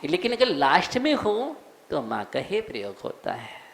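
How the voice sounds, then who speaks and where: A man, a monk, teaching the recitation of a devotional verse, slowly sounding out each word and asking listeners to repeat. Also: high voice, wildly swooping pitch, creaky, a bit bright. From India. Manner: slow, repeats words, quizzes listeners; chants verses in a sung tone. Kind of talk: recitation and pronunciation lesson.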